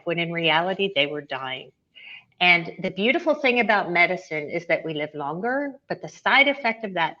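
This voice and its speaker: A woman's voice: fairly low pitch, pushed and bright, muffled recording. A woman, an author and former nurse, telling a personal story as an interview guest, getting emotional and laughing at times.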